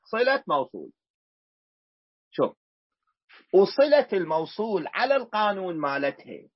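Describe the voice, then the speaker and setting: Iraqi male teacher, husky and animated, drills students with repeated questions on dry lo-fi audio. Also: high-pitched, no room sound. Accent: Iraqi Arabic. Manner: questioning, repeats key words to the class. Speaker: grammar teacher. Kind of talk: classroom grammar lesson. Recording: dull lo-fi recording.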